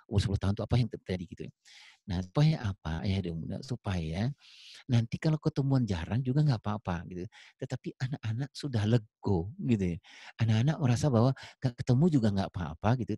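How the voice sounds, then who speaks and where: A man's voice: fairly low pitch, slightly rough, no room sound, studio quality. A middle-aged man giving a parenting talk to parents, addressing them directly and acting out little dialogues to make his points. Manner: lively storyteller, acts out dialogue in raised voices; addresses listeners directly as ayah and bunda. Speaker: parenting speaker.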